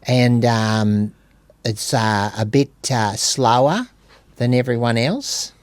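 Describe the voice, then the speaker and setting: An Australian man with a Melbourne accent, chatting as an interview guest in his shop in a relaxed, easygoing way with plenty of fillers. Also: mid-range voice, slow, clean tone, dry recording. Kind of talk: casual conversation.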